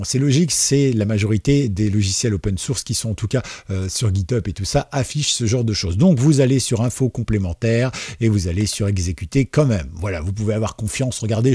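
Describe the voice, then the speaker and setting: A man hosting a casual software tutorial, chatting in a relaxed way with many fillers and asides as he guides viewers through his screen. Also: medium pitch, husky, no room sound, studio quality. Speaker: tech tutorial host.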